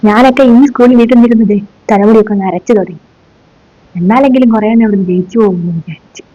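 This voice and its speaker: A sketch comedian plays a stern, sarcastic middle-aged schoolteacher who scolds her class with mocking rhetorical questions. Her mid-range voice is quick and dark-toned, close to an everyday voice, in a dull, dry lo-fi recording.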